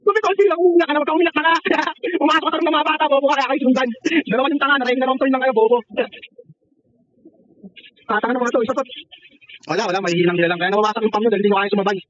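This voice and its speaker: A man with a very high, fast voice taunts rival players over game voice chat, laughing and cursing between his jabs. The mocking never lets up. The sound is a little muffled, with faint noise underneath. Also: a bit bright, no room sound. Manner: mocking and taunting, laughing often, swearing freely. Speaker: online gamer. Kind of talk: trash-talking game voice chat.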